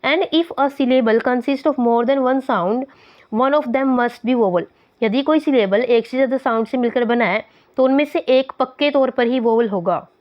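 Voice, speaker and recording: Slow-talking Indian woman teacher. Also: on the high side, dull audio. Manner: reads English slowly, explains quickly in Hindi. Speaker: English teacher. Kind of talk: online grammar lesson.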